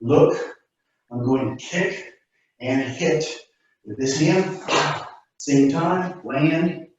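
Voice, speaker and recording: A man's voice: a little high, very slow, a little mellow, a little hiss or hum. A man explaining karate to a class as the instructor, informal and instructive, often checking in with short questions. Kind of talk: casual spoken explanation to a class. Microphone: distant camera microphone. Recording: very echoey room, distant mic, dull sound.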